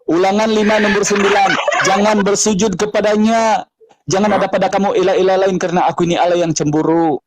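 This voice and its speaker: Insistent high-voiced Indonesian preacher. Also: male voice, steady tone, a little fast, heavy background noise. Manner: insistent, repeats questions. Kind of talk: heated debate.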